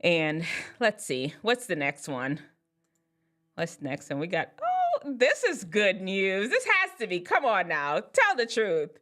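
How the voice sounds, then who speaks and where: Speaking at a measured pace, a Jamaican vlogger in her thirties talks directly to her viewers in a relaxed, storytelling manner. Excitement sends her pitch leaping and swooping everywhere, and she laughs at her own jokes.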